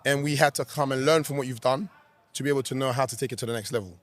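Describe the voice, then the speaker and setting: A man's voice: mid-range voice, fairly even intonation, very fast. A young man from Zambia, a guest in a casual interview who laughs often and talks freely.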